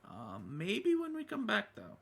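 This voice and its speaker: A cheerful small adventurer in a tabletop game, eager and stumbling over repeated words, as a man puts him on. His voice jumps far up in pitch, bright and gravelly at the edges. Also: huge pitch swings, a little slow, heavily acted.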